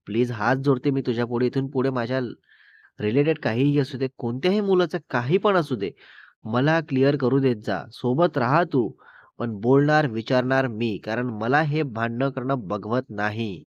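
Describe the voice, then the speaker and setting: A man's voice: medium pitch, moderate pace, dry recording, close to an everyday voice. Spirited young woman, firm but caring, voiced by a male narrator; dry, muffled audio-story read. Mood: pleading. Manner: scolding, pleading. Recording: dull, dry recording.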